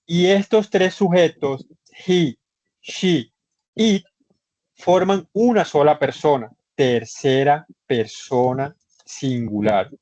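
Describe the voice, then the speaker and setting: A man's voice: medium pitch, a little mellow, dry recording. A man teaching an online English class, explaining patiently step by step and repeating key points. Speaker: English instructor. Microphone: computer microphone in a video session. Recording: slightly muffled online session audio.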